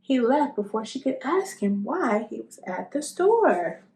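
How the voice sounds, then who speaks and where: A woman narrates a children's picture book with lots of expression. Her voice sits fairly high and moves up and down in a very lively way, as scripted read-aloud narration for young listeners. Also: measured pace.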